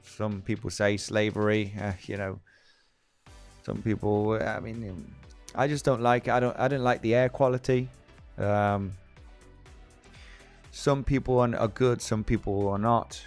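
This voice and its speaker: Male livestream host, deepish clean voice, rambly, soft music behind. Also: fairly even intonation, unhurried, long pauses. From Spain. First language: Spanish. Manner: rambling, frequent restarts, reads viewer comments aloud. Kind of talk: casual livestream chat.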